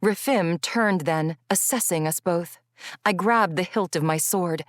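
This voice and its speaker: Woman narrating a fantasy audiobook, measured. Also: lowish voice, dry recording, studio quality.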